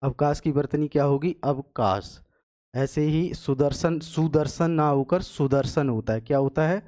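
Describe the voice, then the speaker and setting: A man teaching a Hindi spelling lesson for exam preparation, patiently repeating words slowly and checking that students follow. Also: a little high, dark tone.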